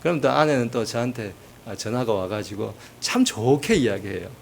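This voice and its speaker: A man's voice: mid-range voice, big pitch swings, moderate pace, gravelly, a little hiss or hum. A man preaching a sermon as pastor, telling humorous family stories with acted quotes.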